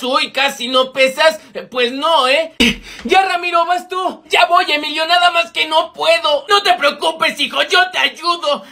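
A man with a Mexican accent acting out school comedy skits, playing many characters with lively, slangy banter. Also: extremely high pitch. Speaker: comedy skit creator.

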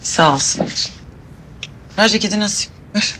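An actress playing an excitable, quick-tempered pregnant housewife who talks to herself a lot. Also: female voice, mid-range voice, slight background noise, close to an everyday voice. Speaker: pregnant wife. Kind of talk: TV drama acting.

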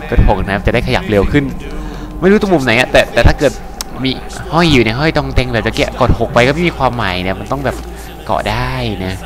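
A man's voice: mid-range voice, animated, quick pace. A man giving casual, crude, joking commentary while playing a game and translating its lines. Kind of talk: casual let's-play commentary. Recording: game music playing underneath. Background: game music.

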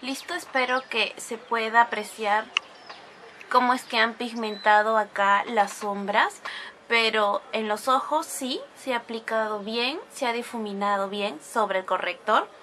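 A woman's voice: on the high side, measured pace, pushed and bright, a little hiss or hum. A woman talking through a makeup tutorial, chatty and explaining each step as she goes, with bursts of gushing praise for the products. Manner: gushing exclamations over products. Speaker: beauty vlogger.

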